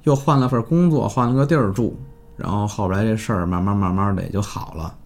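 A man telling a horror story in casual chat, animated and swearing freely. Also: a little fast. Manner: animated, jumps pitch for drama, swears casually.

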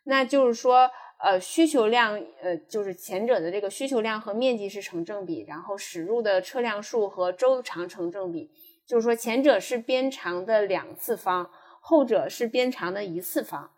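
A woman talks through her ideas in a relaxed group conversation, pausing often and restarting her sentences. Her voice sits at an ordinary middle pitch, and she speaks like an informed guest sharing a view. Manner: thoughtful, many fillers and restarts. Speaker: podcast guest, transport specialist. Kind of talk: casual panel discussion.

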